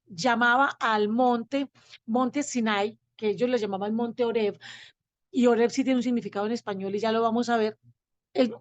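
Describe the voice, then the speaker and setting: A woman's voice: fairly high pitch, no echo, highs cut off. A woman teaching a Bible lesson to her congregation, explaining words step by step and posing rhetorical questions. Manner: explanatory, asks rhetorical questions and answers them. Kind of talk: Bible teaching with on-screen slides.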